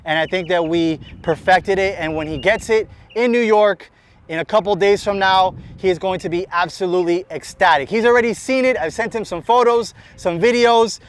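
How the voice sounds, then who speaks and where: An American man with an energetic, enthusiastic manner, talking fast and unscripted as he presents a car outdoors on a city street. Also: high voice, clear, resonant tone. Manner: energetic, enthusiastic, talks fast in long run-on sentences. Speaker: shop owner presenting a car.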